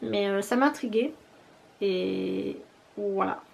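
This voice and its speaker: A woman's voice: medium pitch, slow, gravelly. A woman chatting casually in a beauty haul vlog, rambling with hesitant fillers and laughing at herself. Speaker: beauty vlogger.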